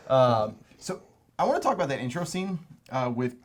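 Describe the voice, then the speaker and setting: A man's voice: mid-range voice, animated, unhurried, slight background noise. Laid-back man co-hosting a movie chat. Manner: laid-back, laughs often, swears; stumbles and repeats words. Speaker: movie review podcast co-host. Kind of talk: casual chat.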